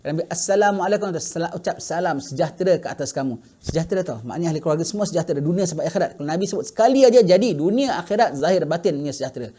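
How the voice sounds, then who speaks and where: Lively man telling a religious story. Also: on the high side, very fast. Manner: animated storytelling, acting out quoted voices. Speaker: religious teacher. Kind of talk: sermon storytelling in Malay.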